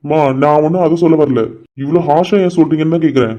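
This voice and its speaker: A man's voice: a little high, fast talker, warm tone, natural voice. A man voicing an earnest young man in a cartoon, speaking in a protective, pleading way. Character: earnest young man defending his girlfriend. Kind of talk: cartoon voice acting. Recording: dull lo-fi recording.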